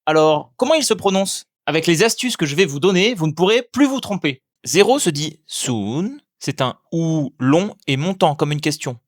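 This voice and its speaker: A man teaching language, giving scripted, methodical explanations and slowly sounding out example words. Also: a little high, animated, no room sound, clean studio sound. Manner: clear, methodical explanations with slow demonstrated pronunciations. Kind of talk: scripted educational narration.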